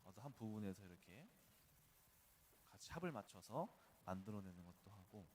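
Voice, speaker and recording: A man's voice: lowish voice, very animated, normal speed, darkish tone, slight background noise. A male pastor preaching at an early-morning church service, talking in a conversational way and weaving in personal stories. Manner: conversational, storytelling with personal anecdotes. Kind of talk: dawn service sermon.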